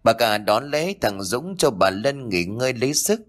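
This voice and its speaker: A man's voice: mid-range voice, big pitch swings, normal speed. A man narrating a ghost story expressively.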